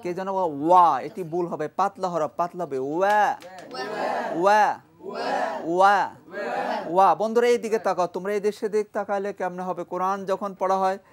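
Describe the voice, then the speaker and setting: A man's voice: high voice, fairly even intonation, a little fast, hardly any pauses. Man quizzing a class in a studio. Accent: Bangladeshi Bengali. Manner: quizzing pupils, praising answers, drilling pronunciation for repetition. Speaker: Quran teacher and TV host. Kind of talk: studio quiz lesson with a class. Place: TV studio with pupils and audience.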